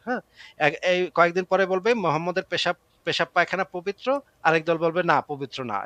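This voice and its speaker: A man's voice: a little high, a bit bright, no echo. A man speaking as a guest commentator, fervent and scornful, firing off rhetorical questions in impassioned political commentary. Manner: scornful, acts out opponents' voices.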